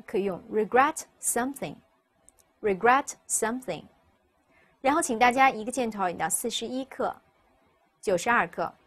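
A woman teacher, explaining English vocabulary step by step and repeating each word slowly for students. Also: a little high, slightly rough. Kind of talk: recorded vocabulary lesson.

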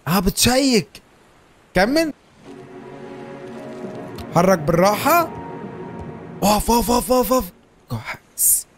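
A young man with an Egyptian Arabic accent giving excitable, joking commentary as he plays a game. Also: high-pitched, measured pace, pauses often, soft background music. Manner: excitable, joking, urging his character on. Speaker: gaming YouTuber. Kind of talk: Let's Play commentary.

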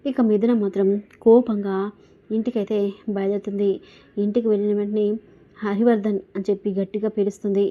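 A woman narrates a serial episode in a plain, steady storytelling manner. Her pitch barely moves and her voice sits at an ordinary middle height. The recording sounds dull and lo-fi. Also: fairly quick.

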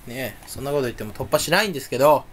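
Rambling young man, lively pitch. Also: racing. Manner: playful, self-mocking muttering with sudden loud outbursts; talks while sucking candy. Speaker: YouTuber. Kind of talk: rambling solo chat.

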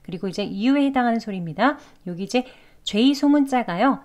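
A woman's voice: a little high, expressive, darkish tone. Woman, pronunciation teacher, explains step by step, repeats example phrases. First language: Korean. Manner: explains slowly, models English phrases and repeats them many times. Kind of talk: pronunciation lesson.

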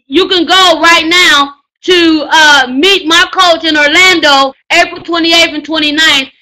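A woman teaching a writing class, coaching loudly and repetitively in slangy, preacher-like exhortation. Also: sits high, rough recording. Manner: loud, hollering, preacher-like exhortation. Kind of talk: live online class on book promotion.

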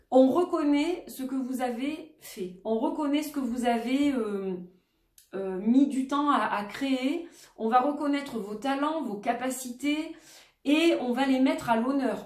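A woman's voice: a little high, recorded from a distance. Echoey woman reading oracle cards. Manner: gentle, reassuring, repeats herself a lot. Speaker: tarot and oracle card reader. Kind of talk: daily card reading to viewers. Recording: roomy echo, voice set back from the mic.

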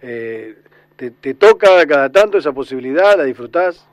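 A man, a radio co-host putting measured questions to a young player. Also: mid-range voice, expressive, no echo.

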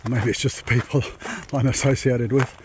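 This is a casual walking vlog: a man on a long pilgrimage trail thinks aloud about what he intends to do, drifting from point to point. He speaks at normal speed in a medium pitch with fairly even intonation. Rural ambient noise fills the noisy outdoor recording, made on a country dirt track.

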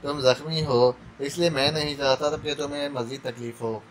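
A man's voice: medium pitch, fairly even intonation, fairly quick, a little hiss or hum, lightly acted. A man voicing a cold male interrogator who threatens a captive in an icy tone. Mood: icy menace.

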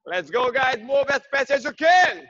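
High-pitched, hard-driving gym-bro fitness coach, male. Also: lively intonation, normal speed, sharp tone, dull audio. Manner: high-energy gym-bro encouragement, clipped repeated praise. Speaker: group fitness instructor. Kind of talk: workout class coaching, shouted cues and countdowns. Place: large indoor gym, on a video call.

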